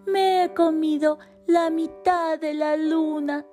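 A woman's voice: high voice, steady tone, slow pace, dark tone, pitched above the performer's own voice. A woman voicing a small, timid young male mouse in a storybook, childlike, earnest and plaintive. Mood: insistent. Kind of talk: storybook character voice. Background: faint piano music.

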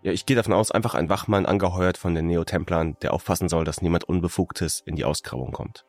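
A man's voice: low voice, steady tone, darkish tone, no echo, faint music behind. A man on a podcast, explaining a video game's story in casual chat. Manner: quick, explanatory. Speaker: podcast host.

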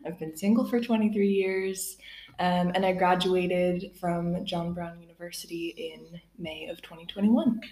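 Low-voiced woman. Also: fairly even intonation, measured pace, mellow. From Arkansas, USA. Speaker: podcast guest. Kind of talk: casual chat. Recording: roomy echo.

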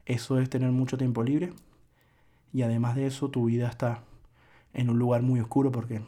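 A man's voice: medium pitch, flat delivery, fairly quick, mellow. A man hosting a solo podcast, lecturing earnestly in a reflective monologue with frequent restarts. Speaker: podcast host.

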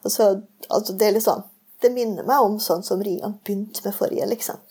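A woman guest recounts a long personal story in easy, casual conversation, circling back and padding her sentences with fillers. Her voice is mellow and a little husky. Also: medium pitch. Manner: rambling storytelling with many fillers. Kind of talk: casual chat.

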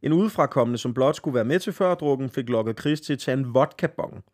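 Casual Danish male podcast host. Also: mid-range voice. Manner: lively, laughing, swearing casually, stumbles while reading. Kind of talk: casual podcast chat, reading listener stories aloud.

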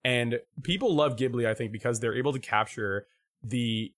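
Animated man chatting on a podcast. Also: moderate pace. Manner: animated, many fillers, acts out quotes in a high voice. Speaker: podcast co-host. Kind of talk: casual chat.

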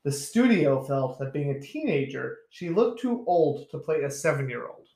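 A man's voice: fairly high pitch, big pitch swings, moderate pace, darkish tone, roomy sound. A man co-hosting a casual podcast chat, reading out film trivia and laughing often. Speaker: podcast co-host.

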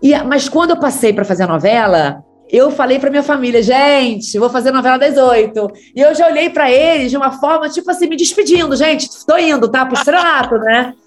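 Brazilian actress chatting away, bit high voice, faint music behind. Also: female voice, fairly quick, hardly any pauses. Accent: Brazilian Portuguese. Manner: chatty, laughing, talks a lot. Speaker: actress, interview guest. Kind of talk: casual storytelling.

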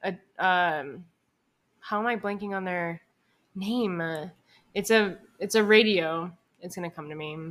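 Woman co-host, loose filler-heavy storyteller, bright voice, casual living-room chat. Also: fairly low pitch, a little slow. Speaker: podcast co-host.

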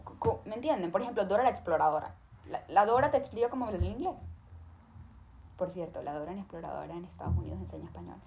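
Lively woman giving advice. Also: medium pitch. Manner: lively, emphatic, addresses listeners directly. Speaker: language tips presenter. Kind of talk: casual advice monologue.

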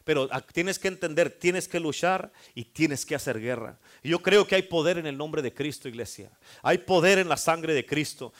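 Pastor guy preaching, high voice, gets loud and fired up then drops quiet, acts out excuses. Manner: swings from loud fervent preaching to hushed low asides, mimics excuses. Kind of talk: sermon.

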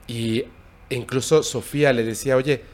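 Un hombre con acento mexicano narra con calma una historia de terror en una charla informal, con pausas y tono bajo. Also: male voice, mid-range voice. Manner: recounting a scary story, hushed and halting. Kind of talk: casual storytelling.

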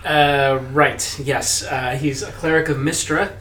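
A man in casual tabletop game chat talks about his new character in a relaxed way, with many fillers. His voice sounds distant and the room rings around him. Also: fairly high pitch, slow pace, a little hiss or hum. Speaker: player. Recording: roomy, distant mic.

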